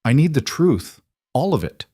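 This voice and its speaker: A man reading a young woman's lines in a story, speaking in a sharp, accusing way with a raised voice. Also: mid-range voice, big pitch swings, moderate pace, breathy edge, no room sound, clean studio sound, voice pushed up. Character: young woman, wary bride, hurt and angry.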